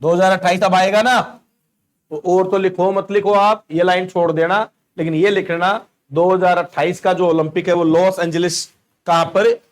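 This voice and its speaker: High-voiced Hindi teacher quizzing a class. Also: male voice, flat delivery. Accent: Rajasthani Hindi. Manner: quizzes the class with questions and answers them himself; repeats words slowly for dictation. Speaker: coaching teacher. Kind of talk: classroom lecture for exam prep.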